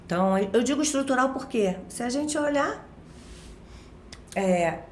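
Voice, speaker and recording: A woman born in Minas Gerais, Brazil, who speaks with a Rio de Janeiro Portuguese accent, explains things as a guest expert in casual chat, using everyday examples and constant tag questions. Her voice is high and expressive at a normal speed. The sound is roomy, with slight background noise.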